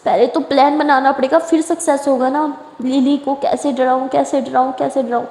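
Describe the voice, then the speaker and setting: A woman's voice: high-pitched, steady tone, normal speed, dark tone. A woman voicing Lakshmi, a mischievous young woman with a teasing, dramatic manner. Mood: scheming. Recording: echoey room with long reverb.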